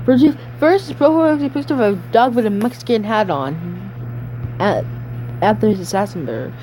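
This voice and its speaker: A woman giving casual gameplay commentary, excitable and rambling, jumping into high squeals and dropping to mutters. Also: normal speed, slight background noise, low-quality recording. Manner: rambling, trails off mid-sentence. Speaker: gaming channel host.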